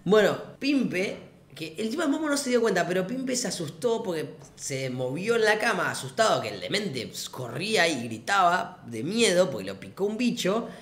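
A man's voice: sits high, big pitch swings, moderate pace, fairly bright tone. A man in his twenties with an Argentine Rioplatense accent, casually telling a funny anecdote full of slang and often laughing as he talks. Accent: Argentine Rioplatense Spanish. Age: 20s. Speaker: vlogger. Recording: roomy echoey room.

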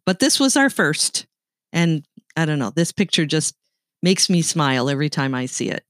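Very animated yet low in pitch, a middle-aged Canadian woman with a light accent speaks at normal speed as a podcast co-host. She tells stories in casual chat, chatty and laughing often, in a dry recording with clean studio sound.

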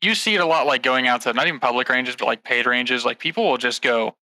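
A man who talks quickly with a bright, sharp tone. He hosts the chat in a teasing, casual way, and his voice is recorded dry and close. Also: medium pitch, no echo, low-quality recording.

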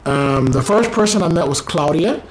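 A man's voice: fairly high pitch, lively intonation, normal speed, a little hiss or hum, rough recording. A man hosting a podcast, chatting casually with lots of fillers and restarts, in a rental apartment. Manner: rambling, filler-heavy, playful. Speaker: podcast host. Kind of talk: casual interview chat.

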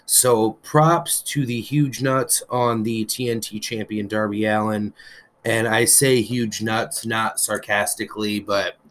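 A man's voice: on the low side, slow. A man co-hosting a casual wrestling news chat, an eager fan who talks with lots of "um" fillers and the odd curse word. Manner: excited fan talk with frequent "um" fillers and some cursing. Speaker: podcast co-host.

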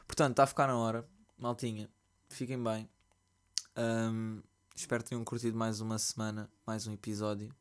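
A man's voice: on the low side, a little fast, clear, resonant tone. Slangy ranting European Portuguese man. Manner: slangy, ranting, animated storytelling. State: sleepy. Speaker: podcast host. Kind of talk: casual solo podcast monologue. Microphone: computer mic.

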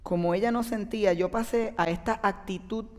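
A man's voice: sits high, normal speed. A man, a youth pastor giving an earnest, confessional sermon testimony. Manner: earnest confessional storytelling, animated rises. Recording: long reverb in a large hall.

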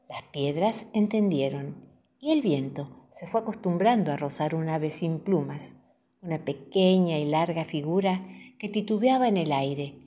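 Expressive Argentine woman reading stories. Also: sits low. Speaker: storyteller. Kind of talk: children's story narration.

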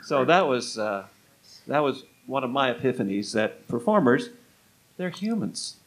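Very animated yet unhurried, this older man speaks in a mid-range voice while being interviewed. He's a retired music club booker telling rambling, conversational stories and acting out quoted lines of dialogue.

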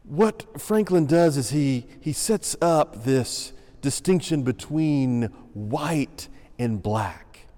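A man preaching a sermon as senior pastor, in a measured, emphatic way. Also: fairly high pitch, lively intonation, mellow. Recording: long reverb of a large room.

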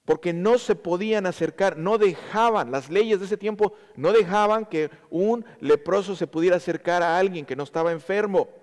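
A man's voice: high voice, normal speed, hardly any pauses, a little mellow, big-room sound. A man preaching a sermon to his congregation, teaching with repeated emphasis and speaking to them directly.

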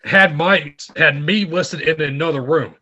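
Bright-voiced man telling stories. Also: fairly high pitch, measured pace, highs cut off. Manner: animated anecdote teller, acts out quotes. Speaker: guest, fitness writer. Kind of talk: casual interview storytelling.

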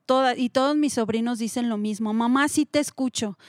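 High-voiced playful woman storyteller. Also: a little fast, no room sound, studio quality. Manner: playful storyteller, mimics her mother loudly. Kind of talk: casual talk show chat.

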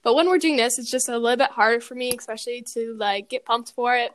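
A young woman co-hosting a podcast in casual chat, relaxed and reflective, her voice going hoarse. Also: a little high, quick pace. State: losing her voice. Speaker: podcast co-host. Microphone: recording remotely.

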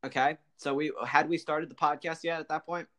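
A man co-hosting a casual podcast, talking in a halting way full of fillers and restarts. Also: fairly high pitch, fairly even intonation, fairly bright tone. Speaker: podcast co-host.

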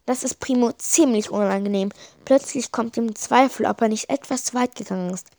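A woman's voice: a little high, a little fast, mellow, dry recording, studio quality. A woman reading a children's book aloud for her podcast, in an informal way with fillers and restarts. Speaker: podcast reader.

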